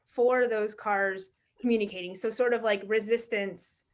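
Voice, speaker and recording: A woman's voice: medium pitch, fairly even intonation, normal speed. A woman speaking as an audience member at an academic defense, informal and a little tentative in her phrasing. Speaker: audience member asking a question.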